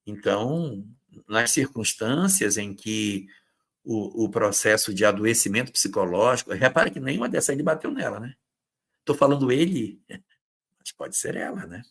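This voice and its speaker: Gravelly, husky-voiced man lecturing. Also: fairly low pitch, expressive, normal speed, a bit bright. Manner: acts out quoted abusive partners in brief bursts; conversational, with hesitations and reading out viewers' comments. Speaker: spiritist lecturer hosting a live talk. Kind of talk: informal lecture on relationships.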